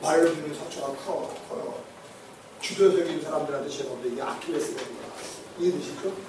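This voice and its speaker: A man giving an animated, joking lecture on personality types to an audience, often checking that they follow. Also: fairly high pitch, fast. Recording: echoey hall, voice from far off, noisy.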